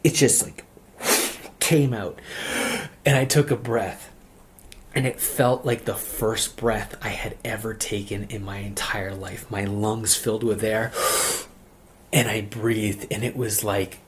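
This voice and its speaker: Slow, low-voiced man giving earnest testimony. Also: little pitch movement. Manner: earnest, halting, with frequent "like" fillers and repeated phrases. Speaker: speaker giving a religious testimony. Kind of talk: personal conversion testimony.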